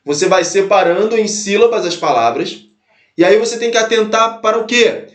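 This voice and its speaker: Guy teaching a prep class, high-ish voice, goes step by step, keeps checking in, roomy echo. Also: lively intonation, moderate pace. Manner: explains step by step, repeats points, checks in with "tá?". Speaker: Portuguese teacher. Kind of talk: exam-prep lesson.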